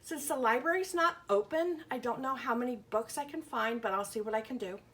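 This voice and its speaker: Brisk and husky, this woman's fairly high, fairly bright voice guides young children through a lesson and picture-book reading. She keeps explanations simple, asks questions, and carefully stresses letters and words as she sounds them out.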